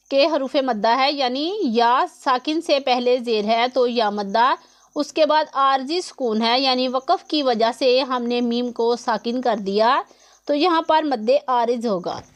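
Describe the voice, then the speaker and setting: A woman teaching Quran recitation rules, patiently explaining each letter and how long to hold it, recorded close to the mic. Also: high-pitched. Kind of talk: slow step-by-step tajweed lesson.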